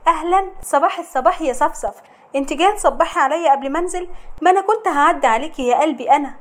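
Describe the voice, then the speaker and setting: A woman's voice: sits high, very fast, natural voice. A woman voicing a cheerful young Egyptian husband who teases his mother and wife. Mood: affectionate. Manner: playful, teasing.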